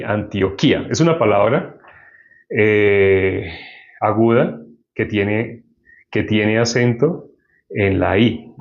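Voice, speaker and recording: A man preaching a sermon and reading from the Bible, explaining and putting questions to his listeners. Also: fairly low pitch. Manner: explanatory, asks the audience questions. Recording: dull lo-fi recording.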